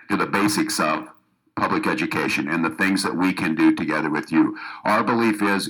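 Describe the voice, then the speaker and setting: A political candidate with a low-pitched, sharp, slightly rough voice gives an earnest campaign speech to educators in a meeting room with an audience. He often restarts sentences and repeats himself, and the recording quality is low.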